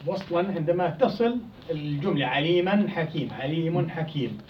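A man's voice: on the high side, lively intonation, fairly quick. A man, a student in a recitation class, answering and finishing the teacher's sentences. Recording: distant lo-fi classroom mic with faint noise.

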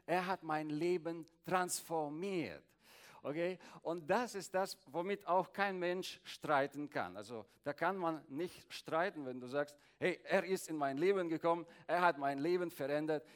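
Emphatic man preaching a slow sermon. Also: on the high side. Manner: emphatic, repeats "okay?" to the congregation. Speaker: pastor.

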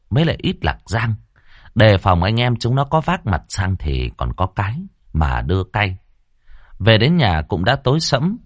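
Animated male ghost story narrator. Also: medium pitch, no room sound, clean studio sound.

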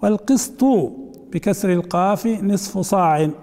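A man's voice: high voice, moderate pace, dark tone, in a large hall. A man teaching a hadith commentary, reading the text aloud, then explaining it in colloquial asides and putting questions to his class.

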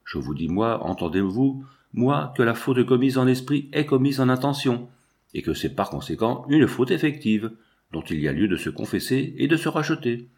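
A man's voice: medium pitch, big pitch swings, moderate pace, darkish tone. A man voicing an insistent, prying priest. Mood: probing. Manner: insistent, probing questions. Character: pushy, prying male priest, middle-aged.

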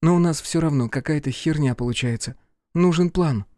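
A man's voice: fairly high pitch, a little fast, dark tone, dry recording, studio quality, voice pushed up, lightly acted. A man voicing a tough young woman mercenary who gives curt, wry retorts in an audiobook.

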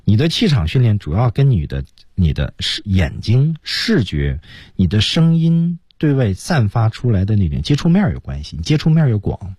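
A man teaching English on a radio program, explaining pronunciation step by step and drilling words slowly. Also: lowish voice, very animated, darkish tone, husky, no room sound, studio quality. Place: radio studio.

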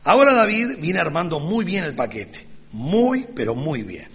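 A man preaching a sermon as pastor, ironic and sarcastic, with lively delivery. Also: fairly high pitch, a little slow, husky. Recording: reverberant hall.

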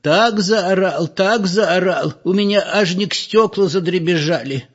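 A man voicing a chatty old village woman who talks slowly in a drawn-out, sing-song way. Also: sits high, voice pushed up. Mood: gossipy. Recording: dull lo-fi audiobook recording.

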